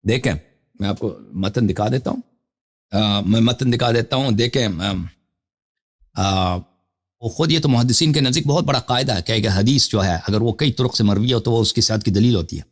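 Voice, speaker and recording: A man hosting a live call-in show, reading Arabic citations and explaining them at length, with questions for the caller. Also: fairly low pitch. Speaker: Shia cleric host of a live call-in show. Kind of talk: scholarly lecture reading Arabic sources.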